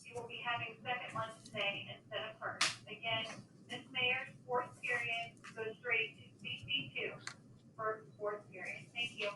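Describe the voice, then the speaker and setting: A woman's voice comes over a school intercom with a formal announcement. Her tone is raspy and husky but sharp and bright. She speaks politely and repeats the important details, sitting a little high for a woman. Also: flat delivery, moderate pace, long pauses, low-quality recording. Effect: school intercom announcement over a loudspeaker.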